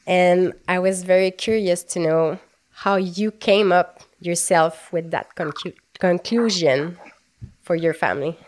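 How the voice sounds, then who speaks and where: A woman's voice: lowish voice, fairly even intonation, unhurried. Woman, French Canadian accent, recovering from a cold, podcast host, earnest interview questions. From Quebec, Canada. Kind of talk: conversational interview.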